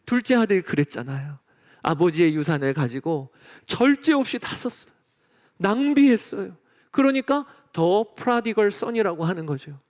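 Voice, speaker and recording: A man with a notably high voice delivers a church sermon. His preaching is earnest and heartfelt, and he keeps speaking straight to the people in front of him. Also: expressive, unhurried. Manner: earnest, pleading preaching with repeated direct address. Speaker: pastor. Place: church sanctuary.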